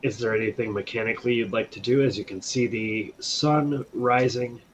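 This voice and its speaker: A man running a tabletop game as game master, narrating in a relaxed, halting way full of fillers. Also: medium pitch, lo-fi sound, slight background noise.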